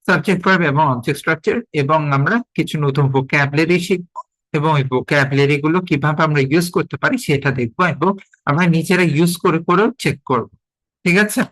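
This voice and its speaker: A man with a Bengali accent teaching a spoken English class over a video call, slowly repeating each word several times for learners. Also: a little high, fairly bright tone, rough recording.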